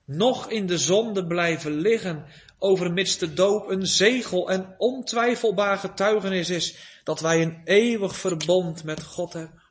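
A man preaching a sermon, swinging from soft, low asides to loud, emphatic pleading. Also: measured pace. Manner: rises to loud emphatic pleading, drops to soft near-whisper.

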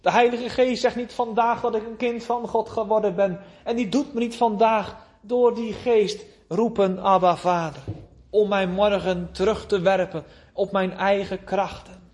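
A man preaching a sermon, pleading with his listeners and drawing out words between long pauses. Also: sits high, fairly even intonation, darkish tone.

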